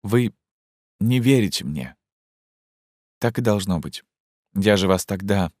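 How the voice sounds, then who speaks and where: A man's voice: on the low side, animated, slow, a little mellow, no room sound, clean studio sound, voice pushed up. A man reading an audiobook, voicing an impulsive young woman who pleads with intense, probing questions. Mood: urgent, pleading.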